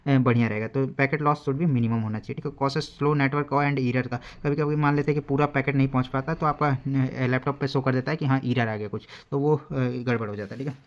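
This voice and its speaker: A man's voice: mid-range voice, steady tone, normal speed, hardly any pauses, dull audio. A man giving an exam-prep lecture on his own, explaining each point with simple everyday examples and frequent fillers. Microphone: recording alone at a desk.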